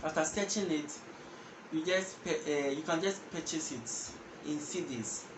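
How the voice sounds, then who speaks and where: A young man with a Ghanaian accent teaches a casual language lesson directly to the camera, walking through it step by step and repeating words along the way. His voice sits a little high and he takes his time. He's a language teacher and channel host filmed in an indoor room with a patterned wall, and the recording is echoey with some background noise.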